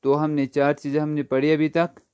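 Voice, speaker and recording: In a clean recording with no room sound, a man whose voice is on the high side, flat, and a little mellow gives an online language lesson. Patiently, he poses a question about each word, supplies the answer, and spells it letter by letter.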